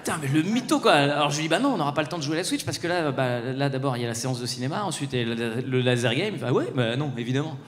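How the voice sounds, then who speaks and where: A man doing casual stand-up, chatting and swearing with a live audience and slipping into quick impressions. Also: mid-range voice, a little hiss or hum. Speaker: stand-up comedian. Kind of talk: live stand-up crowd work. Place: theatre stage. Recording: roomy hall sound, faint crowd ambience.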